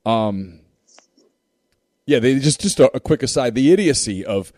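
A man's voice: medium pitch, lively intonation, unhurried, a little mellow, no room sound, clean studio sound. A man hosting a podcast interview, asking long rambling questions and repeating words as he gets going. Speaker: podcast host. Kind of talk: casual interview chat.

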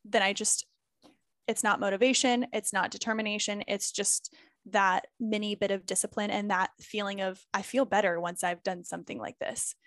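A woman's voice: mid-range voice, steady tone, moderate pace, a bit bright, no echo, studio quality. A woman speaking candidly and emphatically as a guest in a casual interview, swearing freely as she makes her points. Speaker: former group fitness instructor.

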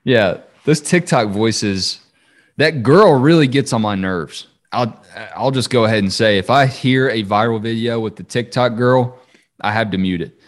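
A man's voice: medium pitch, measured pace. A man co-hosting a sports podcast, talking football in a chatty, upbeat, casual way.

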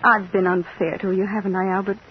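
A woman playing a gentle, withdrawn wife in an old radio drama. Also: medium pitch, little pitch movement, a little fast, close to an everyday voice. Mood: subdued. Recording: muffled old radio recording, faint hiss.

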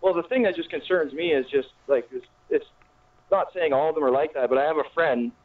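A young man calls in to a talk show and rambles through his story in a quick, casual way, full of fillers. His phone line is tinny, and he sounds far off from the receiver. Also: a little high. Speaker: caller.

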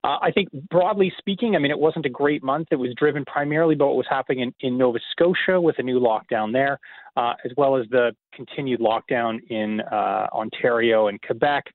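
A man, an economist guest, answering radio interview questions in a measured, explanatory way with many filler pauses. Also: mid-range voice, no room sound. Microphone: phone call. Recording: tinny phone line.

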